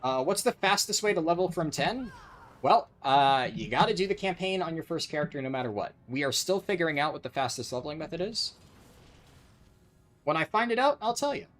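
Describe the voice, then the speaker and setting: A man's voice: fairly high pitch, sing-song, brisk, fairly bright tone. A man chatting casually and sardonically as he commentates on his gaming livestream. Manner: sardonic, sweary. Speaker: live streamer, speedrunner.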